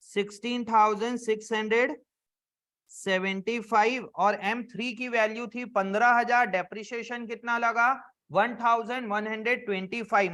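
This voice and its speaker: A man teaching an accounts class in Hindi with English terms, asking the students questions and answering them himself, and dropping to a low murmur when he scolds or adds up sums. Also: sharp tone. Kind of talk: classroom lecture.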